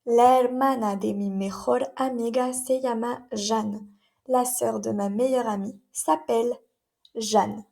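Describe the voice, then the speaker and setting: A woman's voice: on the high side, fairly even intonation, gravelly, darkish tone. A woman teaching vocabulary in a lesson, carefully modeling pronunciation and translating examples. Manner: slow, careful pronunciation drills. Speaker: French teacher. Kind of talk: language lesson.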